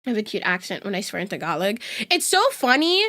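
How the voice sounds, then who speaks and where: Talking to her chat with frequent laughter, this young woman streams as a VTuber in a neutral West Coast American accent. She speaks quickly in a mid-range, sing-song voice that has a sharp edge.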